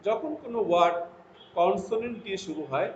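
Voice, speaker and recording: A male teacher with a high voice gives a recorded grammar lesson, pausing to read English examples slowly and carefully. The sound is dull and lo-fi, with a roomy echo around him and a faint hiss underneath. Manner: slow, deliberate English example sentences between explanations. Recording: lo-fi echoey room with faint noise.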